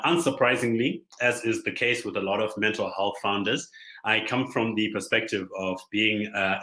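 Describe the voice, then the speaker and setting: A man from Zimbabwe presenting at a conference as a startup founder, speaking in a measured, thoughtful way with many pauses and fillers. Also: on the low side, bright, forceful tone, roomy sound, rough recording. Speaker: startup founder giving a talk.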